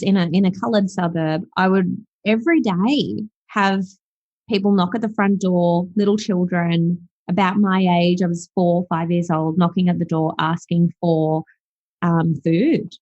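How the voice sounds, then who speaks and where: A South African woman in her thirties with an Australian accent is a guest on a podcast interview, speaking reflectively with frequent fillers. Her voice sits on the low side and is a little mellow, and the recording is dull and dry.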